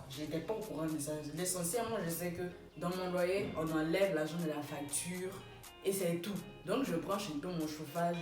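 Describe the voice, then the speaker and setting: A young woman vlogger casually telling a story about her home, animated and exclamatory, her voice jumping up when she retells a quarrel. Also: fairly low pitch, recorded from a distance. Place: small room indoors. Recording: roomy, from off-mic.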